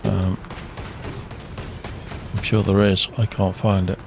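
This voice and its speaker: A man's voice: low voice, little pitch movement, slow, creaky, music in the background. A man streaming a co-op game, chatting casually and often trailing off mid-sentence. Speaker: streamer playing co-op. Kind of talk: casual gaming chat.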